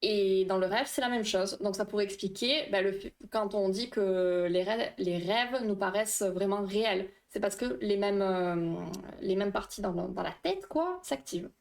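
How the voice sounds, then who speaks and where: A woman's voice: medium pitch, normal speed, vocal fry. A woman hosting a casual livestream, explaining dream science with a quiz, chatty and laughing often while reading chat aloud. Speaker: livestream host.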